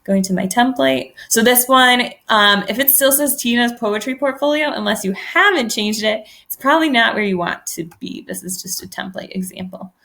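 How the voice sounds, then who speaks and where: A woman's voice: a little high, moderate pace, vocal fry, hardly any pauses, bright, forceful tone. A woman teacher giving an online poetry lesson, thinking aloud in a friendly way while she types.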